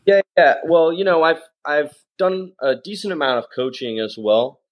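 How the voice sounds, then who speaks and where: An American coxswain and coach, appearing as a rowing guest, answers interview questions thoughtfully and casually, full of "you know" and "um." His voice sits on the high side and is animated, at a moderate pace, with lo-fi sound.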